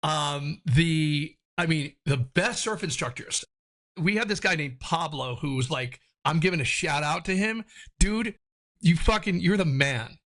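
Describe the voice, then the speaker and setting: A man's voice: on the high side, lively intonation, measured pace, fairly bright tone. A man from New Jersey, a podcast guest talking candidly in a loose, rambling way, swearing freely. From New Jersey, United States. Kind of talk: candid conversational interview.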